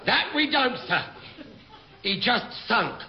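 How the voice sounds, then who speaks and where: An actor playing a put-upon, mock-respectful navy chief who makes dry wisecracks in a radio sitcom. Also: male voice, very high voice, sing-song, slow, full character voice. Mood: sardonic. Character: sardonic male naval chief petty officer, mock-deferential. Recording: very noisy dull old radio recording.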